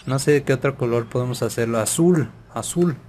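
A man's voice: medium pitch, fairly quick, background noise. A man hosting a gaming channel, playfully talking through his Minecraft session and humming sound effects. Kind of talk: Minecraft let's play commentary.

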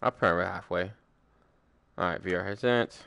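A young man streaming a game with friends, chatting casually, swearing a lot and breaking into excited shouts. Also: low-pitched, moderate pace, gravelly, clear, resonant tone, dry recording. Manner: excitable, profane, bursts into shouts. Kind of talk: casual gaming commentary.

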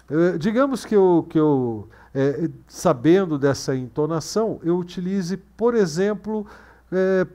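A man's voice: on the high side, darkish tone. Man thinking aloud while teaching. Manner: thinking aloud, full of fillers and self-corrections. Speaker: course instructor. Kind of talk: screencast programming lesson.

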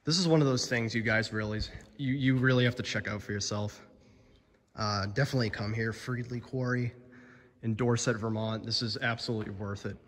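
A man's voice: mid-range voice, steady tone, fairly quick, a bit bright. Young man vlogging in an echoing cavern. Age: young adult. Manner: chatty, amazed, lots of fillers. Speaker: explorer vlogger. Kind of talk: casual exploring vlog. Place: abandoned stone quarry cavern. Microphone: phone held at arm's length. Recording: long cavern reverb.

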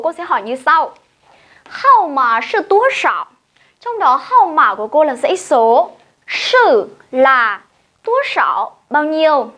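A woman's voice: sits high, a bit bright. A woman teacher with a Vietnamese accent giving a video lesson, explaining step by step and leading learners through repeated drills. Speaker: Chinese language teacher. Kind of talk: classroom-style video lesson.

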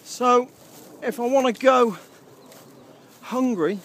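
Holding the camera at arm's length at a lakeside wild camp, a thirtysomething vlogger chats in a very high-pitched, slightly bright voice. He speaks slowly, staying upbeat and rambling with lots of ums.

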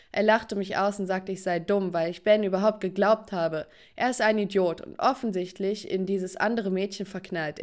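A woman's voice: medium pitch, darkish tone. A woman narrating a scripted first-person story with dramatic, emotional delivery.

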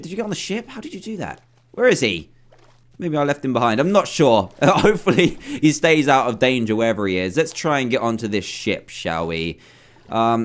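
A young man giving animated, excitable commentary while playing a video game. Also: mid-range voice. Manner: excitable, animated, jumpy exclamations. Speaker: gaming video host.

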